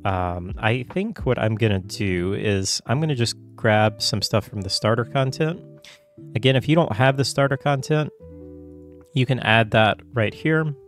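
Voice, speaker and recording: A man getting over a cold, coughing now and then, talking through a casual software tutorial in a loose, chatty way full of fillers and self-corrections. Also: mid-range voice, a little slow, soft background music. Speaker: tutorial host.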